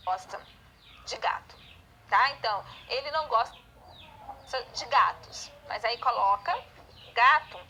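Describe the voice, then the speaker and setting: A woman's voice: high voice, pushed and bright, slight background noise, poor audio. A Brazilian woman teaching a class, explaining step by step and checking in with "tá?" and "né?". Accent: Brazilian Portuguese. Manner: explanatory, frequent checking tags like "tá?" and "né?". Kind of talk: online class lecture.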